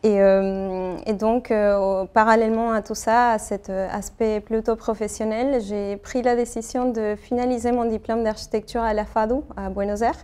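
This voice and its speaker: Flat-voiced woman. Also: fairly high pitch, normal speed, few pauses, clear, resonant tone. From Argentina. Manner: hesitant, many fillers and restarts. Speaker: architect interviewee. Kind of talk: interview answers.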